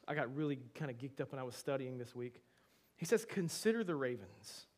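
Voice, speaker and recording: A male pastor giving a sermon to a congregation in a church, talking conversationally with many rhetorical questions and moving between soft asides and emphatic bursts. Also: on the high side.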